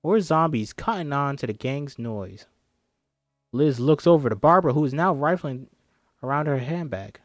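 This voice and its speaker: A man reads stage directions from a screenplay in an amateur read-through. His voice is a bit high and very expressive, with a close, dry sound. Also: moderate pace, no room sound, soft background music. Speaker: amateur script reader.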